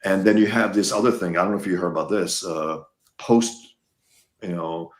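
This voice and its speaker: A man's voice: deep voice, moderate pace, reverberant. A man from the United States, a guest in a casual conversation, talking emphatically and repeating words as he gets worked up.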